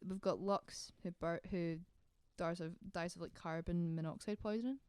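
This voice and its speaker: A young woman co-hosting a casual book podcast, chatty and giggly, telling things in an animated way. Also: fairly low pitch, moderate pace, clear, resonant tone. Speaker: podcast co-host. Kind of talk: casual chat.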